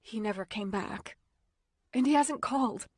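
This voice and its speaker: A woman's voice: fairly high pitch, a little slow, dry recording. Woman narrator as a young heroine: tense, insistent, dry booth. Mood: upset insistent. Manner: strained and insistent. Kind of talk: audiobook character voicing.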